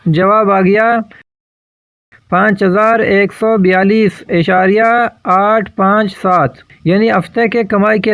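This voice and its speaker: High-voiced man teaching a math lesson. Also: no echo. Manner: patient, explains slowly with worked examples.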